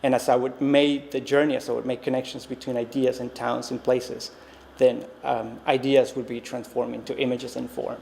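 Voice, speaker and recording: Here a Costa Rican visiting artist in his thirties, whose native tongue is Spanish, talks about his work at a moderate pace. His mid-range voice shows little pitch movement, some vocal fry and a slight mellowness, and he pauses reflectively with many ums and restarts. The echoey gallery adds long reverb and faint noise.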